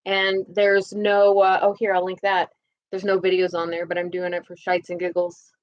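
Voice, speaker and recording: A woman in her thirties chats easily on a home livestream, reading viewer comments aloud in a relaxed way. The sound is dry and close, and a little dull. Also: on the low side, moderate pace, dry recording. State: recovering, resting in bed. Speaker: livestream co-host. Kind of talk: casual livestream chat.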